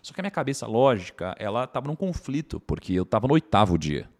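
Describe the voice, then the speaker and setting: A man, a podcast guest telling a personal story in animated casual conversation. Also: mid-range voice. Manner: animated, tags sentences with quick asides.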